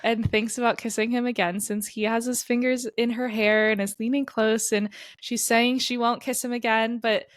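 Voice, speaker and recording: A woman co-hosting a podcast, retelling a story in casual chat with animated, emphatic bursts of exasperation. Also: on the high side, moderate pace, hardly any pauses, dry recording. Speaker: podcast co-host. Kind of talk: casual book-discussion chat.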